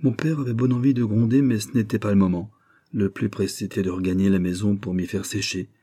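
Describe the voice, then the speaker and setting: A male narrator reads a literary tale with measured, expressive delivery. His voice is slightly low and mellow, with a husky grain. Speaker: audiobook narrator. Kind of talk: reading a literary story aloud.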